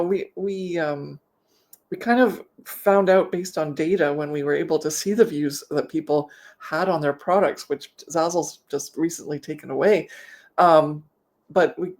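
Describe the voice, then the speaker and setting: A woman's voice: lowish voice, darkish tone. A middle-aged woman with a slight lisp from wearing a mouthguard, chatting casually and explaining with rambling, self-correcting examples as a business coach. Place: home office, on a video call.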